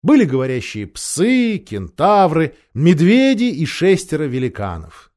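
A man reading a children's story aloud in a somewhat high voice. His delivery is animated and wide-ranging, shifting voice for each character. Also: a little slow. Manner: expressive, varies voices for characters. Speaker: narrator. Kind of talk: audiobook storytelling.

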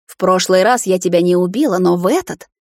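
A woman's voice: on the low side, a little fast, dry recording, studio quality. A woman voicing a villainous witch mother who taunts and commands in a cold, purring way. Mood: taunting.

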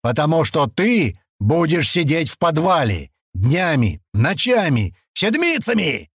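A man's voice: fairly high pitch, very animated, moderate pace, darkish tone, no room sound, studio quality, pitched above the performer's own voice. A man voicing a fat, drunk male governor who bellows and spits out threats, in an audiobook. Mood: threatening. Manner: bellowing, slurring, spitting threats.

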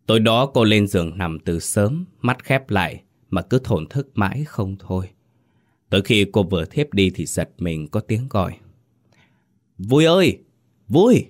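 A man narrating a scripted ghost story in a slow, somber manner. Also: sits low, dry recording. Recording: dry close voice with faint music.

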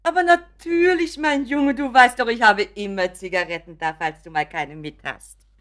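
An actress in a German radio drama plays an anxious, doting mother pleading with her grown son, fussing, apologetic and eager, often dropping to a whisper. Her voice is fairly high and a bit bright, close to an everyday voice, at a moderate pace.

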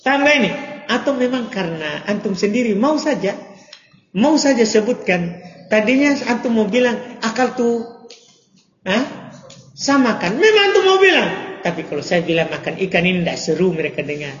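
A man's voice: sits high, big pitch swings, fairly quick, fairly bright tone, slight background noise. A man teaching an Arabic grammar lesson in a class, quizzing his students with playful examples. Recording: echoey hall, dull audio.

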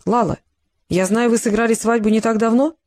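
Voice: mid-range voice, steady tone, fairly quick, a little mellow, no room sound, close to an everyday voice. A reader voicing a persistent polite investigator. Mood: courteous. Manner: courteous but probing.

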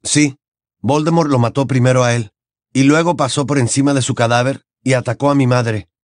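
A man voicing a somber teenage boy wizard in an audiobook, in a quiet and grave voice. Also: medium pitch, steady tone, a little fast, no room sound, clean studio sound, voice pushed up, close to an everyday voice. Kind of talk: audiobook character voice.

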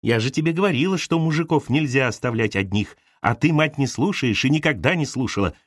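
A small bossy older woman laying down the law, as a male narrator puts her on, lively and sing-song when she mocks. the recording is dry and close. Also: mid-range voice, brisk, no room sound, close to an everyday voice. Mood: scornful. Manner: lecturing, sharp and commanding. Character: bossy little older woman, scornful and preachy.

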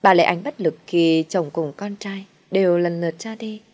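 Audio-story narrator: young woman, low voice, somber first-person telling. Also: moderate pace, darkish tone.

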